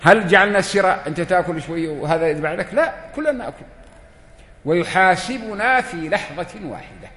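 A man's voice: a little high, a bit bright. A man, giving a religious lesson and putting questions to his listeners. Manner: questions the listeners, acts out dialogues. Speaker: religious teacher. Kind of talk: lesson to a seated audience. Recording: echoey hall.

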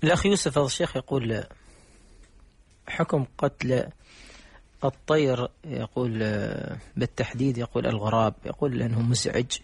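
A man's voice: mid-range voice, steady tone, normal speed, pauses often, husky, dry recording. A man hosting a religious radio program, courteously reading out listeners' questions. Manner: formal, courteous announcer.

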